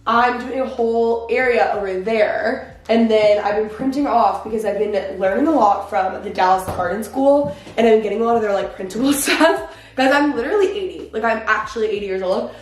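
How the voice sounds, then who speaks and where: A woman's voice: on the high side, fairly quick, roomy sound. A young woman chatting casually to the camera for her vlog, full of fillers and self-mocking asides, recorded in her home garage. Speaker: vlogger.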